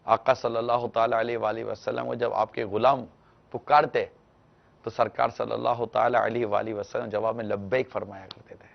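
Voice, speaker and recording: A man in the middle of the pitch range answers a caller on a religious program in a patient, teaching tone. He now and then acts out bits of family dialogue to make his point. His voice has a gravelly edge, and the broadcast audio sounds somewhat dull. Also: level tone. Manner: gentle, instructive, acts out household dialogue. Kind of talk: televised religious advice talk.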